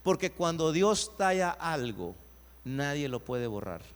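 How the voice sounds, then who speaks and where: A man, a pastor preaching a sermon, putting rhetorical questions to his congregation and swinging between loud emphatic lines and quiet low asides. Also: big pitch swings, measured pace. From Guatemala. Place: church sanctuary. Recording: long reverb of a church hall.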